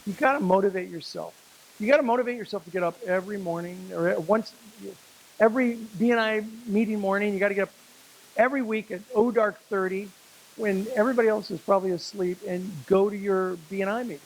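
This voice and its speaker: High-voiced man giving a motivational talk. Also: slight background noise, poor audio. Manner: storytelling, slows down for emphasis. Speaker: speaker at a business networking event. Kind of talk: motivational speech with a told joke.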